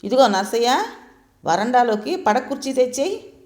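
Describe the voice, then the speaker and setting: A woman's voice: fairly low pitch, lively intonation, normal speed, darkish tone, natural voice. A woman reading aloud, voicing a kindly older uncle in a storybook tale who talks earnestly. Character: older uncle, shaken but kindly host.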